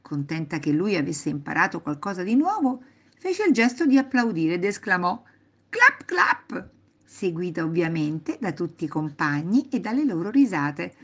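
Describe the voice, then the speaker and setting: Expressive woman reading a children's story. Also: on the low side, moderate pace. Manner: expressive, sing-song storytelling.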